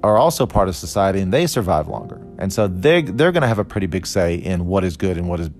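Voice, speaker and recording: A man's voice: low voice, big pitch swings, quick pace, darkish tone, faint music behind. A man in his forties, from Costa Rica, explaining a philosophy idea in a thoughtful, conversational lecture with restarts and fillers. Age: 40s.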